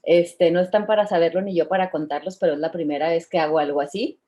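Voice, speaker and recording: A woman's voice: on the low side, steady tone, fast talker, warm tone. A woman in her fifties from Mexico, chatting cheerfully as an interview guest and laughing often. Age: 50s. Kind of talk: casual interview chat.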